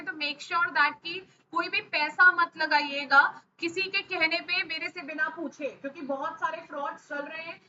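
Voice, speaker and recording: A woman's voice: extremely high pitch, pushed and bright. A woman teaching a live online stock market class over a video call. She answers students' questions and keeps checking in with them. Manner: keeps checking in with frequent "ok?" and hesitation fillers. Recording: muffled audio with faint hiss.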